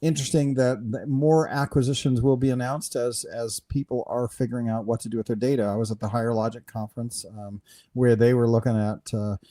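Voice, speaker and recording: A man's voice: medium pitch, fairly even intonation, fairly quick, warm tone. A man from Denmark co-hosting a podcast in casual chat, rambling with many restarts and "right?" asides. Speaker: podcast co-host.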